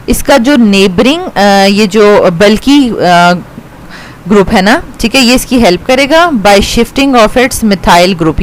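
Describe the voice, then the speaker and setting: A woman's voice: medium pitch, a little hiss or hum, rough recording. Woman chemistry teacher with a Pakistani accent. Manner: patient, repeats "ठीक है" to check understanding, mixes in English. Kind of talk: classroom lecture explaining reactions step by step.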